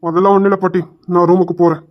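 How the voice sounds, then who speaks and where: Curt irritated young man voiced by a woman, flat lowered voice, dull lo-fi sound, audio drama. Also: very fast, natural voice. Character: angry young man, grandson of the house.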